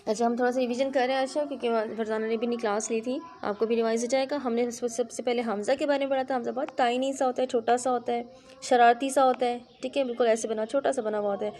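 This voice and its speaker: A woman with a somewhat high voice and a dark tone teaches a child to read the Quran. She explains things patiently and checks in often with "theek hai".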